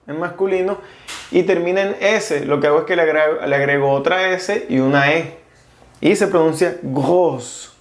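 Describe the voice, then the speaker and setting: A man's voice: fairly high pitch, reverberant. A man teaching a casual video lesson, explaining grammar rules step by step and spelling out letters. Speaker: French teacher.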